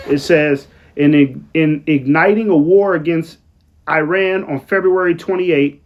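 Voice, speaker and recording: Tired and yawning late at night at work, a man comments casually on the news, rambling loosely and often adding "right?" for his listeners. His somewhat high voice slows when he reads quotes aloud, and the online commentator's recording is muffled and lo-fi.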